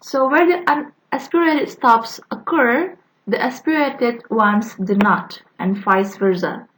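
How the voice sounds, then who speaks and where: Halting young woman giving a class talk. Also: a little high, a bit bright, slight background noise, poor audio. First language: Indonesian. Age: young adult. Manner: halting, with frequent "uh" fillers and restarts. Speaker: student presenter. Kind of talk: class presentation on phonetics.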